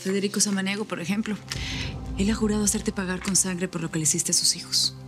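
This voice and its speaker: A woman's voice: medium pitch, fairly even intonation, fast talker, music in the background, natural voice. An actress playing an earnest woman who urges and protects a freed prisoner in a telenovela. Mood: urging. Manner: earnest, urging. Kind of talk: telenovela acting.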